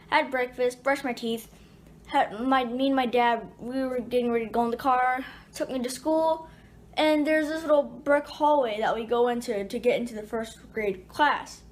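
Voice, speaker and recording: Rambling woman telling a casual story. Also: sits high. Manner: rambling, frequent restarts and fillers.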